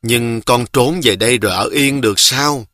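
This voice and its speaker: Male reader doing a worried old beggar mom, gentle questions, bright dry voice. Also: mid-range voice, moderate pace, no echo, natural voice. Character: old beggar woman, poor and worried mother.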